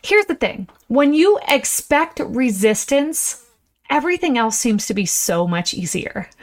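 High-voiced, unhurried woman podcaster in an RV. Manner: animated, exclamatory, chatty with folksy "y'all". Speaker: podcast host. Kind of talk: enthusiastic casual motivational monologue. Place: inside an RV.

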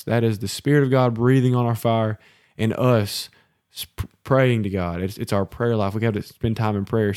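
A man with a lowish voice talks like a preacher on a faith podcast. He lays out his points one by one and calls for an amen. The mic is close and dry. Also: a little mellow, dry recording. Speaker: podcast co-host. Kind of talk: faith podcast chat with sermon-like teaching.

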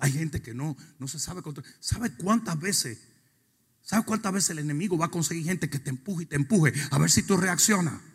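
A male pastor preaching a sermon. He swings from quiet asides to shouted, sing-song preaching. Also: a little high, normal speed, husky. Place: church sanctuary. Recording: long reverb of a church hall.

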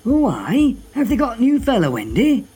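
Man as husky, animated Northern radio host. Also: very high-pitched, normal speed, exaggerated voice. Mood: jovial. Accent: Northern English. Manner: folksy, droll, exclamatory. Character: folksy Northern local radio host Bob, jovial and grumbling. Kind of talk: comic radio monologue and phone-in.

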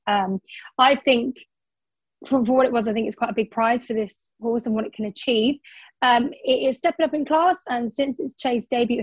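A woman's voice: on the high side, dry recording, rough recording. A young woman co-hosting a racing tips podcast, chatty and full of ums, correcting herself as she goes. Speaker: racing tipster co-host. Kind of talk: casual podcast chat.

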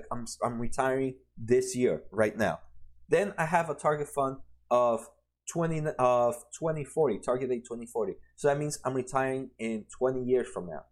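Retirement funds are the topic for this twenties-aged personal finance explainer, who talks casually over slides. He speaks at normal speed in a mid-range voice, conversationally restarting often and adding "right?" again and again.

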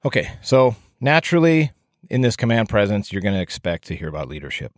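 In a dry recording, a man with a fairly low voice talks briskly, his pitch swinging widely as he rambles informally on his solo podcast. He's plain-spoken and self-deprecating, breathes audibly into a close mic, and works as both podcast host and firefighting instructor.

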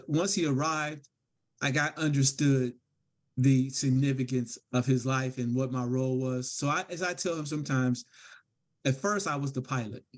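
Middle-aged male podcast guest, earnest, reflective, mid-pitched voice. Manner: earnest, reflective storytelling with restarts. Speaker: guest author. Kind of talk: podcast interview.

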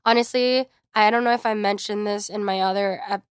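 A young woman hosting her podcast, telling a personal story in a chatty, animated way. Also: medium pitch, brisk, clean tone, no room sound, clean studio sound. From United States. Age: young adult. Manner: chatty, frequent "like", animated quoting. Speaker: podcast host. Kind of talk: casual storytelling monologue.

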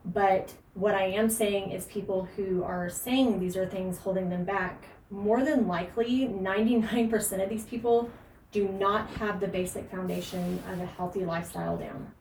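A woman's voice: mid-range voice, steady tone, moderate pace, a little mellow. A woman podcast host giving casual, emphatic fitness and nutrition advice, with frequent fillers. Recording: echoey room, distant mic, faint noise.

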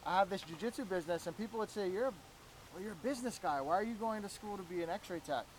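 Speaking fast in a high voice, a real estate agent from Florida tells stories as a casual podcast guest, acting out the lines others said to him with animation. The recording is low quality, with slight background noise.

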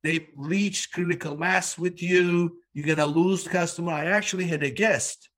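A man from Turkey talks business in a casual conversation, hammering his points home by repeating words. His voice sits a little high for a man. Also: fairly even intonation, moderate pace, fairly bright tone. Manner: emphatic, repeats key words.

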